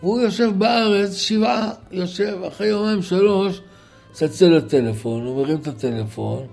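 A man telling a religious story as a sermon, dramatic, acting out the characters' shouts. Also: high-pitched, gravelly, faint music behind. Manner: dramatic, acts out voices and shouts.

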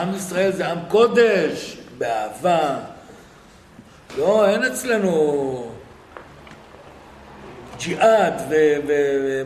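A man preaching a sermon and retelling stories in animated fashion, acting out the dialogue. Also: on the high side. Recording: echoey hall with faint noise.

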